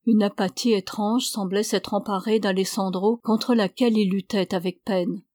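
A woman narrating a novel as an audiobook in a steady, measured reading. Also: medium pitch, no echo, studio quality.

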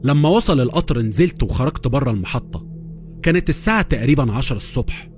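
A man with an Egyptian accent narrating a first-person horror story in a steady voice. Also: mid-range voice, fast talker, soft background music.

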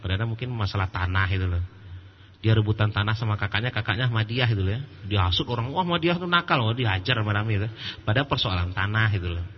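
A male preacher giving a religious lecture in a lively storytelling way, acting out quoted voices and laughing at his own jokes. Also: fairly low pitch, fast. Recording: muffled lo-fi recording with faint background noise.

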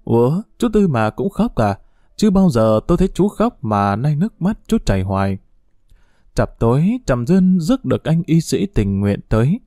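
A man's voice: medium pitch, normal speed, no echo, studio quality. A man narrating a story aloud, slipping into the characters' dialogue as he reads. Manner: lively storytelling, voicing characters' lines. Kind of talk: audiobook narration.

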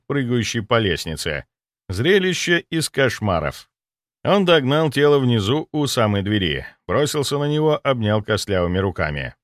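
A man narrating a first-person audiobook with steady, dry storytelling. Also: mid-range voice, no room sound.

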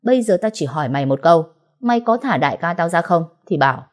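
A woman's voice: fairly low pitch, animated, quick pace, close to an everyday voice. A woman voicing a menacing male thug who growls blunt threats in speech, as an audiobook character.

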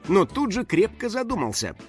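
A man narrating a children's story in a lively, expressive way. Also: high voice, moderate pace, faint music behind.

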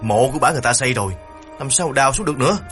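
A man's voice: mid-range voice, big pitch swings, fast talker, music in the background, pitched above the performer's own voice, natural voice. A man doing an impatient scolding thief. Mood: irritated. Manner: curt, scolding. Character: irritated older-brother thief, scolding and impatient. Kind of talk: audiobook character voicing.

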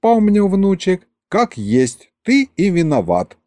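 Gloomy old grandpa, a man doing him, sighs a lot, slow folksy grumble. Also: high voice, wildly swooping pitch, darkish tone, no room sound, pitched above the performer's own voice, heavily acted. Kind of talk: audiobook character reading.

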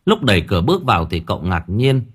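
A man narrating a serialized novel for an audiobook in an expressive storytelling manner. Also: on the low side, quick pace, husky.

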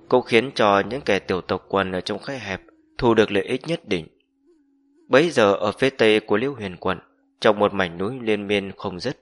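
A man narrating a fantasy novel in a steady, measured storytelling voice. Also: on the low side. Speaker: audiobook narrator.

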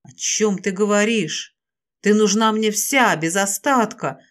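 Woman reading as a bossy serpent lord guy in a storybook, low hushed voice, curt and possessive. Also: unhurried, close to an everyday voice.

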